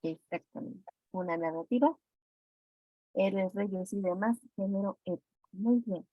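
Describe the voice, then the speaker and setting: A woman's voice: mid-range voice, measured pace, no room sound. A woman teacher with a Mexican Spanish accent explains exam answers one by one and turns to her students with questions. The sound is dry and a little muffled, as if from a modest mic. She keeps a patient, methodical teaching rhythm. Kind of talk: classroom exam review.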